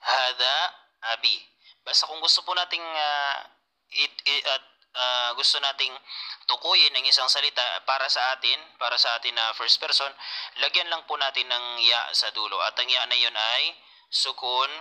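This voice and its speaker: A man's voice: mid-range voice, normal speed, sharp tone, rough recording. A man teaching an Arabic lesson, patiently repeating points and answering students' questions. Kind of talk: online class lecture.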